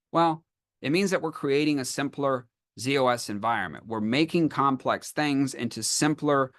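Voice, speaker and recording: A man's voice: medium pitch, no room sound, clean studio sound. A man giving an enthusiastic webinar talk on a video call, saying he is losing his voice. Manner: enthusiastic, explanatory. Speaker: conference speaker. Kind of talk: webinar presentation.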